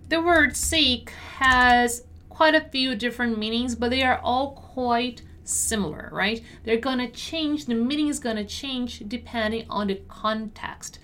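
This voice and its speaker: A woman's voice: on the high side, a bit bright, a little hiss or hum. Patient woman teaching English phrases. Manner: patient, repeats model sentences slowly and checks with "right?". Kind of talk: language lesson explaining phrases.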